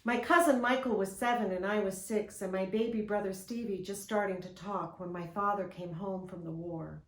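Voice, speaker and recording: A woman gently and expressively reading a children's picture book aloud, with a roomy echo. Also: medium pitch, fairly even intonation, moderate pace.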